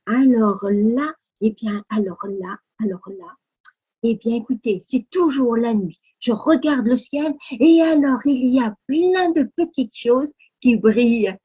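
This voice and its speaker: A woman with a French accent leading a children's Sunday school lesson, speaking slowly with exaggerated, exclamatory storytelling for kids. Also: a little high, dark tone, breathy edge, lo-fi sound. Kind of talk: animated lesson for young children.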